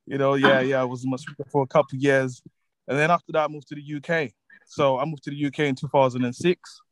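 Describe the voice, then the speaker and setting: A relaxed Zimbabwean man in his twenties chats casually in an interview as a guest, talking about his life as a musician. He laughs easily and repeats words while gathering his thoughts, speaking quickly at a medium pitch. The recording is dry, close and rough, with no room sound.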